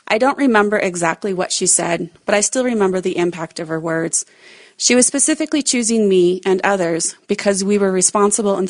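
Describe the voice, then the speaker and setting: A woman's voice: mid-range voice, gravelly, dry recording. A woman reflecting sincerely on a memory from youth trips. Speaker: tribute speaker, former youth group member. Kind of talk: reflective tribute.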